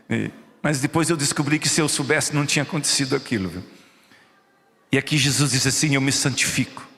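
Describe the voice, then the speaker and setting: High, bright-voiced Brazilian preacher in a church hall. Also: male voice. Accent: Brazilian Portuguese. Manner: animated storytelling, acts out quoted voices. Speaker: pastor. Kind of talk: sermon.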